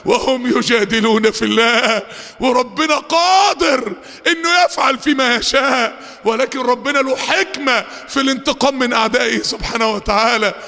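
A fiery Egyptian man delivers a Friday sermon in a high, bright voice with a gravelly edge. He races through asides, then stretches out verses in a shouting chant. His voice rings with the long reverb of a big hall. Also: normal speed. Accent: Egyptian Arabic. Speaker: preacher.

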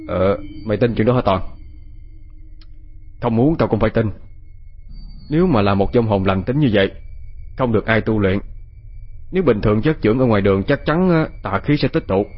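A man's voice: lowish voice, husky. A man voicing a serious teenage boy who explains how spirits work, earnest and explanatory. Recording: dull lo-fi audio with faint background music.

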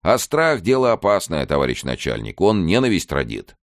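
A man's voice: low voice, wildly swooping pitch, brisk, no room sound, studio quality, pitched above the performer's own voice. A man voicing a crippled, bitter older village council chairman who talks earnestly and sorrowfully.

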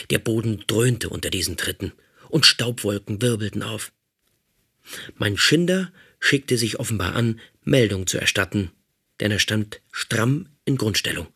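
A man giving a calm, measured audiobook narration. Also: on the low side, creaky, breathy edge.

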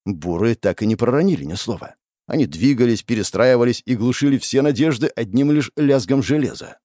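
A man narrating dramatic fantasy fiction in an expressive storytelling manner. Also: mid-range voice, fairly quick, no room sound, clean studio sound. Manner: expressive storytelling, voicing the characters. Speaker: audiobook narrator.

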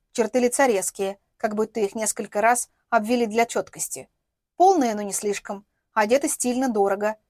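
A woman reading an audiobook in a lively, wry narrative style. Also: a little high, no echo, clean studio sound.

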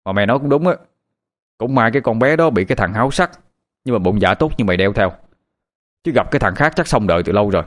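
A man voicing a loud, teasing male driver, excitable and joking. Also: lowish voice, quick pace, long pauses, close to an everyday voice.

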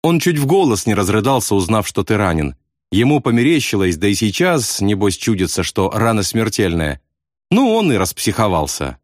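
A man voicing a weary, kind pilot who calmly reassures a wounded friend. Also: fairly low pitch, normal speed, dry recording, studio quality. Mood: reassuring. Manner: calm, reassuring.

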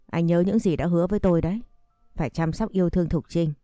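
A woman voicing a gentle mother, soft and soothing, speaking in a low, warm, mellow voice. The recording is dry and close, with faint music beneath. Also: fast talker, no room sound, close to an everyday voice. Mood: tender. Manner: tender, soothing. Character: gentle loving young mother. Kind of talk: audio story reading.

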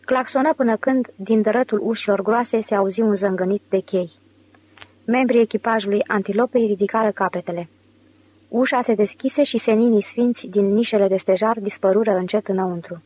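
A woman narrating an audiobook in a measured, clear reading voice. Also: mid-range voice, dark tone. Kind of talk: scripted narration.

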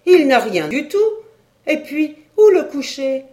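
A reader voicing a quick-tempered weaver's wife of about forty who exclaims loudly and high. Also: big pitch swings, close to an everyday voice. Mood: alarmed. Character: excitable woman weaver's wife, around forty.

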